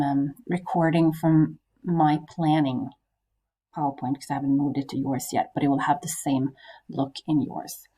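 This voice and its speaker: A woman's voice: fairly low pitch, a little mellow. A woman teacher talking through a recorded lesson, explaining step by step with frequent fillers and questions to her students.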